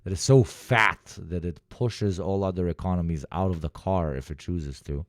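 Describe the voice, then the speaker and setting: A livestream host chats casually, offering sardonic, rambling political commentary sprinkled with sweary asides. His voice sits low at a normal speed, and the recording is dry.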